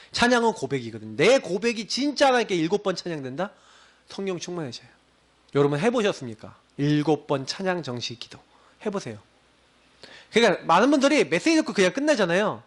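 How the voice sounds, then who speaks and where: A male pastor preaching a sermon and acting out quoted prayers and voices along the way. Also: high voice.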